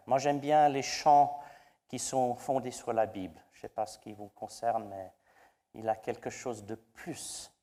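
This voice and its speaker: A male pastor with an English accent, preaching a sermon in a halting way with many fillers. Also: medium pitch, warm tone, in a large hall.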